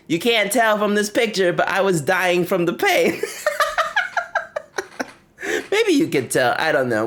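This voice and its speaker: A chatty man on a livestream, recounting his travels to his viewers in a loose, rambling way. His pitch swings widely as he talks, and he laughs often and stops to greet people in chat. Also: a bit bright. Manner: breaks off to greet and thank chat. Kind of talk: casual storytelling to chat.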